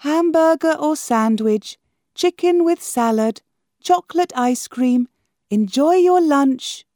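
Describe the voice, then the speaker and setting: Storybook birds, chirpy and sing-song, calling out loud and high, put on by a woman reader in a dry booth. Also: lively intonation, slow pace, no room sound. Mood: cheery. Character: chirpy announcing birds, bright and cheery.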